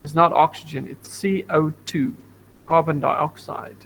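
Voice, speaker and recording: Male science teacher, fairly high voice, patient and repetitive, online class, faint hiss behind. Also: measured pace, vocal fry, fairly bright tone, poor audio. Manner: patient, repeats points, asks class questions. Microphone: computer mic on video call.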